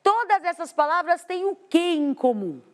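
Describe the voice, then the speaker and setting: Brazilian woman, studio teacher, high and lively, asks the class questions as she explains. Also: moderate pace. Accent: Brazilian Portuguese. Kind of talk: televised classroom lesson. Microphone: studio microphone.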